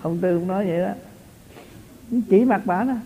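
A man's voice: sits high, normal speed, mellow. A man, a spiritual teacher giving an informal, chatty talk to his followers and chuckling often. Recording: tinny lo-fi recording.

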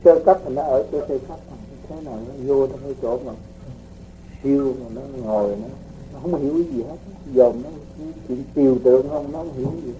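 A man teaching spiritual practice in a relaxed, folksy way, explaining with homely examples to his students. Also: mid-range voice, a little fast, muffled recording, slight background noise. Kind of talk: casual spiritual teaching talk.

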